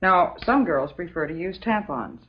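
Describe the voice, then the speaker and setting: With a voice on the low side and natural in quality, an American actress plays a patient, motherly substitute teacher in an old educational film. The scripted classroom talk is measured, prim and instructive, heard on a muffled, dull soundtrack.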